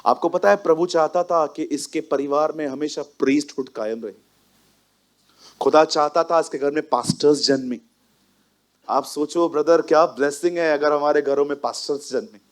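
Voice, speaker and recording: Emphatic, animated male pastor preaching. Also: fairly high pitch, moderate pace. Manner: animated and emphatic, mixing in English phrases. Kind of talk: sermon.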